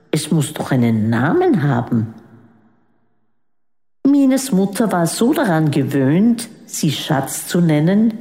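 Ruhige Vorleserin für ein Kinderbuch, langsam und ausdrucksvoll, warmer Klang, halliger Raum. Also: female voice, on the low side. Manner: calm, unhurried narration. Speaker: storyteller. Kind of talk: children's story reading. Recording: echoey room with long reverb.

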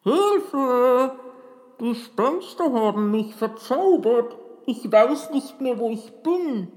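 A woman voicing a shrill disguised boy crying for help. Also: animated, slow, a little mellow. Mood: pleading. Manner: shrill, pleading cries for help. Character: young boy faking a frightened bewitched voice. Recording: long reverb with faint music.

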